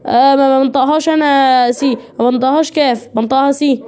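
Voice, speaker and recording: Egyptian woman, English teacher, high voice, mellow tone, repeats and drills points. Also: steady tone, quick pace. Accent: Egyptian Arabic. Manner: repetitive, drilling explanations, addresses students directly. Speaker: English teacher for nursing students. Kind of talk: online lecture.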